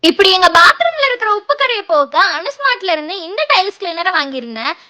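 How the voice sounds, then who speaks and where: A woman with a Tamil Nadu accent giving a chatty product pitch straight to her viewers. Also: very animated, quick pace, pushed and bright. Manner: chatty, direct address to viewers. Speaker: product promoter.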